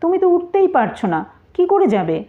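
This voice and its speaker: A woman's voice: very high-pitched, sing-song, moderate pace, voice pushed up. A woman voicing a carefree, doting young male nawab heir, in an easy, lightly questioning tone. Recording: tinny phone-like audio.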